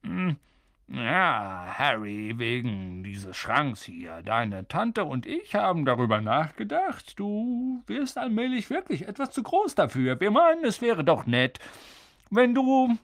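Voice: high-pitched, wildly swooping pitch, slow pace, long pauses, fairly bright tone, no room sound, studio quality, pitched above the performer's own voice, full character voice. A reader voicing a furious, blustering middle-aged uncle who barks his orders, raised well above their own narrating voice. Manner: barking, blustering.

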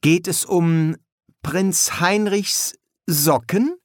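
A male audiobook reader voicing a sharp, determined young woman soldier in a raised voice. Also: high voice, extremely slow, no room sound, studio quality, pitched above the performer's own voice. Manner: sharp and direct. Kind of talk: audiobook character voice.

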